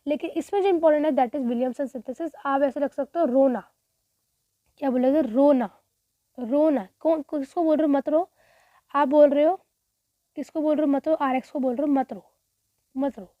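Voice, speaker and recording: A woman with a high voice gives a chemistry revision lecture for exams. She keeps asking and answering her own questions and repeating the key terms, with English phrases mixed in. The recording is dry and close, with no room sound. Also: steady tone, a little fast, no echo, dull audio. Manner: mixes Hindi with English phrases. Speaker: chemistry teacher.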